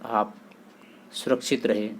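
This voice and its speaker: A man's voice: on the low side, level tone, takes it slowly, gravelly, heavy background noise. A man teaching a grammar lesson for exam students, steadily listing word pairs and asking and answering his own questions.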